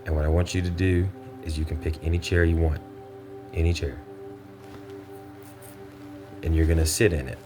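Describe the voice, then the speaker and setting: Over clearly audible background music, a man guides a meditation in an extremely low voice. He gives instructions in short, measured phrases separated by pauses, keeping his intonation fairly flat.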